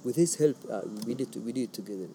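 A man from Somalia, a musician being interviewed, speaking softly with frequent pauses and restarts. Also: medium pitch, lively intonation, a little hiss or hum, low-quality recording. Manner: soft-spoken, halting, with frequent ums and repeats. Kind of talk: casual conversation.

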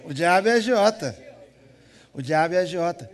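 A man from Minas Gerais, Brazil, delivers a lively, humorous live church sermon in a Mineiro accent, his voice pitched slightly high. Animated and moderately paced, he jokes with the congregation and swings between loud, emphatic lines and soft, quiet asides.

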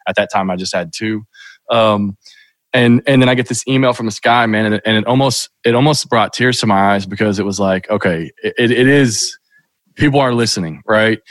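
Middle-aged guest, low voice, loose rambling storyteller, dry close recording. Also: male voice, a little fast, no echo. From Kentucky, USA. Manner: rambling, many restarts and fillers. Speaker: podcast guest, sports podcaster. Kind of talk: casual interview storytelling.

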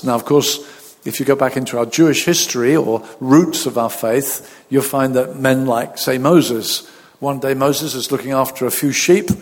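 A man, a pastor at a pulpit microphone, reading scripture, praying and preaching in a measured, deliberate way. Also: medium pitch, slightly rough. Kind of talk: sermon with scripture reading and prayer. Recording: long reverb of a large hall.

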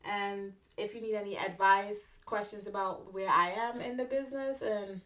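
A young woman from Antigua with a Caribbean accent, a musician guest in a casual interview, chatty and quick to laugh as she acts out her stories. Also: mid-range voice, fairly even intonation, a bit bright.

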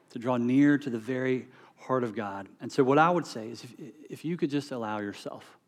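A man preaching an earnest sermon, building to emphatic peaks and then dropping to quiet, soft phrases. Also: mid-range voice. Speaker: pastor.

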